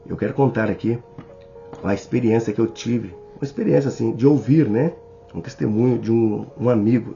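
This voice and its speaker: A man with a Brazilian Portuguese accent teaching a Bible study in a sermon style, speaking slowly and deliberately and addressing the listener directly. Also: medium pitch, gravelly, mellow. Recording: slightly dull recording with faint music.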